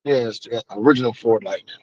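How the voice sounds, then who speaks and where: A man's voice: medium pitch, fast talker, no room sound, highs cut off. A man co-hosting a casual tech podcast, teasing his partner in a wry way. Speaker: podcast co-host.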